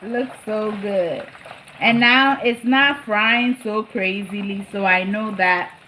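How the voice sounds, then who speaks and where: This middle-aged live-stream cooking host speaks with a slight New Jersey accent, chatting casually to viewers in her home kitchen and repeating phrases to stress them. She talks slowly at a medium pitch, her tone bright and forceful. Food fries and boils behind her with sizzling and bubbling, and the recording quality is low.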